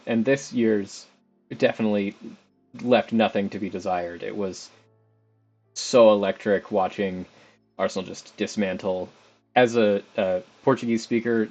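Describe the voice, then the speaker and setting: Over slightly dull stream audio with music in the background, a young man casually commentates his football management game live. His voice is on the low side and a little mellow, and he rambles while talking to the players on screen.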